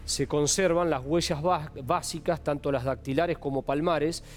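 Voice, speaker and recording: A man's voice: fairly high pitch, fairly even intonation, moderate pace, a little hiss or hum. A man with an Argentine Rioplatense accent, hosting a TV crime show and speaking with emphatic, indignant commentary. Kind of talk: TV crime news presenting and commentary.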